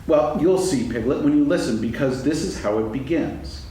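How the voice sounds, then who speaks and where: A man's voice: medium pitch, normal speed, dark tone, close to an everyday voice. A man playing a simple, earnest, musical teddy bear in a staged reading of a children's story, musing and sometimes lilting into singsong. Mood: cheerful, earnest. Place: stage before an audience, seated reading. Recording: distant echoey stage recording, faint noise.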